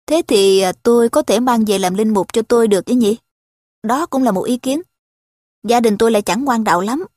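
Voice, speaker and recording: A wealthy young gentleman from a storybook, ironic and unhurried in his teasing, read by a woman with a fairly high voice. The recording is dry and close. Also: dry recording, close to an everyday voice. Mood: mocking.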